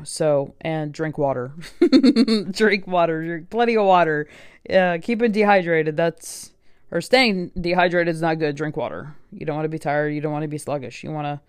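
A woman's voice: sits low, clear, resonant tone, dry recording, clean studio sound. Rambling, sarcastic woman podcast host. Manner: rambling, self-mockingly sarcastic, giving life tips. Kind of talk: casual solo podcast chat.

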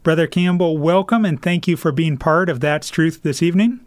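A man's voice: a little high, normal speed, dry recording. A man hosting a radio call-in program from a studio, speaking in a formal, announcer-like way. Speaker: radio host.

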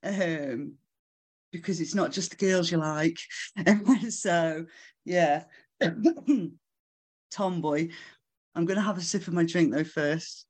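Poet reading own work aloud, very slow and measured, relaxed asides with ums. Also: medium pitch. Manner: slow, measured reading broken by casual remarks and fillers. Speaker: author reading own poems. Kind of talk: live poetry reading with chatty asides. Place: live book launch event.

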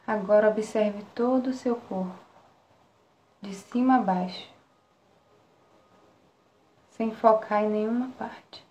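A Brazilian woman guiding a relaxation meditation in a soft, soothing spa-like manner, with long pauses between short phrases. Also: medium pitch, muffled recording. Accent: Brazilian Portuguese. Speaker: meditation guide. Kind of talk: guided relaxation meditation, live. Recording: roomy echo, faint background noise.

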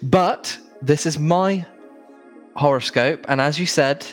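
A man co-hosting a podcast in casual chat, wry and quick to laugh. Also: fairly high pitch, soft background music. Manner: laughs often, wry and chatty. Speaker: podcast co-host.

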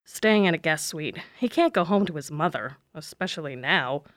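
Casting: a woman as a sarcastic young heroine, animated pitch, dry close sound. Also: normal speed, dry recording. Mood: exasperated. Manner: wry, exasperated sarcasm. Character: exasperated young woman, sharp-tongued big sister. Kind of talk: audio drama acting.

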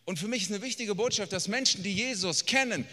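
A man preaching a sermon, blunt and emphatic, swinging from quiet asides to near-shouting. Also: high-pitched, fairly quick. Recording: long reverb of a large hall.

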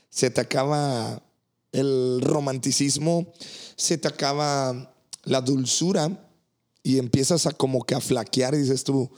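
A man, a pastor hosting a faith podcast, speaking earnestly with many halting restarts. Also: mid-range voice, fairly even intonation, darkish tone.

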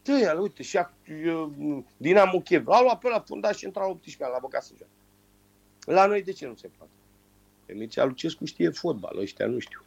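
Male phone-in pundit, heated and ranting, blocked nose from a cold, slightly high voice on a muffled line. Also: vocal fry, husky, no echo. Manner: animated, ranting. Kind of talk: heated sports talk.

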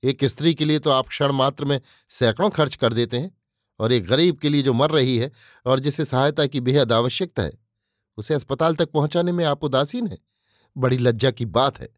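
A man's voice: mid-range voice, normal speed, no room sound, clean studio sound, close to an everyday voice. A man voicing an earnest young man who pleads and reproaches with moral conviction. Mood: indignant.

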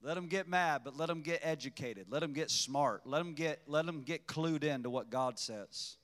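Fervent male preacher, bright forceful tone, big echoing hall, emphatic sermon delivery. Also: on the high side, moderate pace. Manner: fervent, emphatic, swings into loud preaching bursts. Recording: long reverb, echoey hall.

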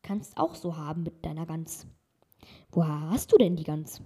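A woman's voice: low voice, expressive, moderate pace, mellow, husky, pitched below the performer's own voice, full character voice. A woman voicing a jolly, carefree male knife grinder in a storybook reading, with a merry, glib manner.

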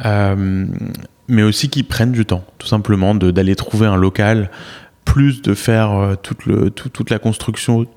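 A man's voice: lowish voice, steady tone, unhurried, darkish tone. A man interviewing a business founder in an informal way, repeating phrases as he asks.

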